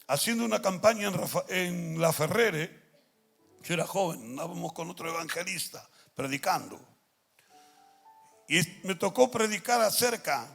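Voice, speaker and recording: An older man preaching a testimony sermon in Argentine Spanish, telling stories that swing from hushed to shouting. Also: high voice, creaky. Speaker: pastor. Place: large church with music behind.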